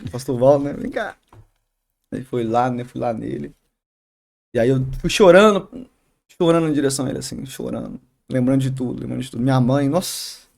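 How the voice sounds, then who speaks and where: Gravelly man telling a faith testimony. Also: mid-range voice, a little mellow. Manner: halting, many restarts and "né?" tags. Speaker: podcast guest, barber and youth leader. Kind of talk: emotional testimony in casual interview.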